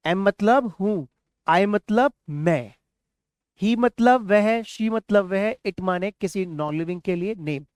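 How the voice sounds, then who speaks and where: Male English teacher from India, unhurried call-and-response drilling, encouraging, dry close recording. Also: high voice, smooth, no echo. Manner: drills words and has students repeat them; patient, encouraging praise between drills. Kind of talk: spoken English lesson.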